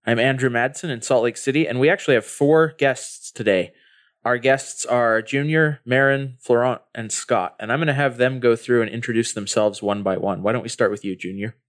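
A man's voice: medium pitch, normal speed. A man hosting a podcast, introducing guests and leading the talk in a casual way. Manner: friendly, leads the talk. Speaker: host.

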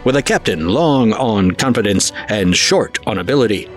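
A man's voice: lowish voice, animated, moderate pace, soft background music. A man reading a scripted introduction as the announcer of an audio drama.

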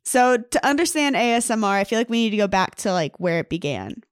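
A woman's voice: on the high side, very animated, a little fast, clean tone, no room sound, studio quality. A woman co-hosting a podcast in casual chat, reading listener reviews aloud. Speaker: podcast co-host.

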